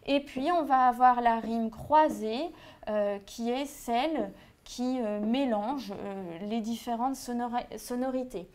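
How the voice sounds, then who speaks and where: A woman's voice: on the high side, slow pace, a little mellow. A young woman teaching an exam revision lesson, hesitant and full of fillers as she writes on a board. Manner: hesitant, many "euh" fillers. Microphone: writing on a board while talking.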